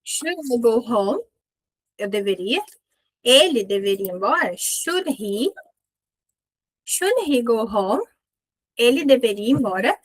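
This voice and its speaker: A woman with a Brazilian Portuguese accent teaching an English lesson, lively, slowly drilling English example phrases with stress. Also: fairly high pitch, no room sound, poor audio.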